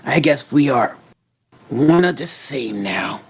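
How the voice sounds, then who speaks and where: A man's voice: mid-range voice, animated, breathy edge, full character voice. Man doing a scratchy, gloating symbiote monster. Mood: menacing. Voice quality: scratchy, slow drawl. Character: menacing male symbiote monster, slow and gloating. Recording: dull lo-fi recording.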